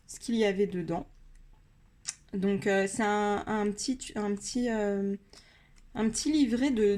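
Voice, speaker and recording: A French woman giving a casual review of colored pencils, pausing often with fillers and restarting her sentences. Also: a little high, dark tone, slight background noise. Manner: hesitant, many fillers and restarts. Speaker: art supply reviewer.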